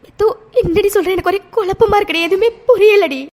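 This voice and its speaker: A woman voicing a worried young friend, very high. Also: fast talker, darkish tone. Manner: pressing, worried questioning. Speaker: cartoon character. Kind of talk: Tamil cartoon voice acting.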